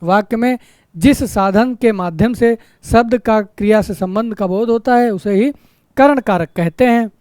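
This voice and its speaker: Grammar teacher going over examples again and again, smooth clear voice, dry close sound, keeps asking "right?". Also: mid-range voice, unhurried, a little mellow, dry recording. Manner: repeats examples, asks rhetorical questions, frequent tag "है ना". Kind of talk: explanatory lesson.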